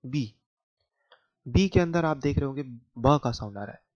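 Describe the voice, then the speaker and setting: A man with an Indian accent teaching children letter sounds in a slow phonics lesson, explaining patiently and checking whether they understood. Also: medium pitch, lively intonation, darkish tone. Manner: explains patiently, asks questions back to kids. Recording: dull lo-fi home recording.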